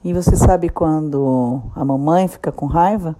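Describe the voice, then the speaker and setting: A woman gently asking her children questions. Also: low voice, unhurried. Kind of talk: casual chat.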